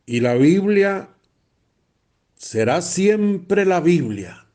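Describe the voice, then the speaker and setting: A man's voice: high voice, very animated, very slow, a little mellow. A man, a priest preaching a blunt, emphatic sermon and repeating phrases for stress.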